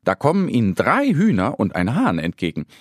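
An adult man narrating a children's story with lively, expressive delivery. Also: mid-range voice, normal speed, breathy edge, no echo, clean studio sound.

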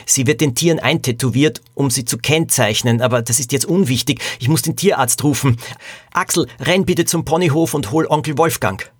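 A man's voice: mid-range voice, normal speed, breathy edge, dry recording, studio quality, natural voice. A man reading a storybook, voicing a capable girl who knows horses and gives urgent instructions.

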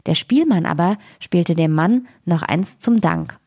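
A woman reads a fairy tale aloud for a radio station's podcast. Her voice is lowish, and she keeps a calm, even storytelling pace. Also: measured pace, gravelly, breathy edge.

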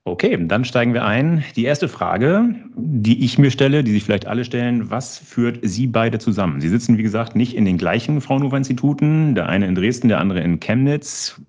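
A man's voice: medium pitch, lively intonation, fairly quick, few pauses, a little mellow, highs cut off. A man hosting a podcast, reading a polished intro and moderating with light jokes. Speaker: podcast host. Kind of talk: scripted podcast intro and interviewing.

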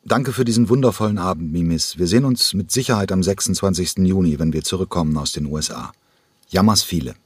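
A man reading an audiobook and voicing a calm, gentle male ballet director who speaks mildly and politely. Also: low voice, fast talker, slightly rough, dry recording. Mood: warm. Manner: mild, polite. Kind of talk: audiobook character voice.

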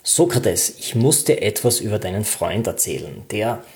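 A man's voice: lowish voice, big pitch swings, normal speed, darkish tone. Flustered gossiping man, read by a man. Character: agitated male gossip, hesitant when questioned.

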